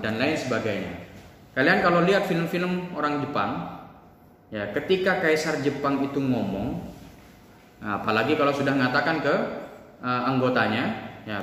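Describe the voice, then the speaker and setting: A man's voice: mid-range voice, fairly bright tone, slight background noise. A man teaching a class in a conversational way, often asking the students questions. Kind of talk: classroom lesson. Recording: echoey room from far off.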